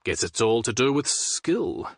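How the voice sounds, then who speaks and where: A man's voice: mid-range voice, sing-song, measured pace, no room sound, clean studio sound. A man voicing a cocky grown man who teases and gloats in a brash way. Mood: gloating.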